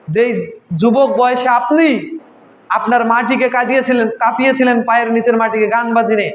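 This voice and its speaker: A man preaching an impassioned, fiery sermon, shouting warnings to his listeners. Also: very high-pitched. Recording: echoey, dull, slightly noisy sound.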